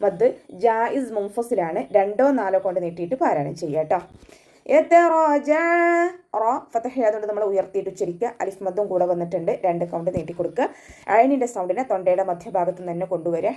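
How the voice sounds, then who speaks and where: A woman teaching Quran recitation step by step, chanting the verses in a high melodic tone between patient explanations. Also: mellow. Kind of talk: tajweed lesson, recitation and explanation.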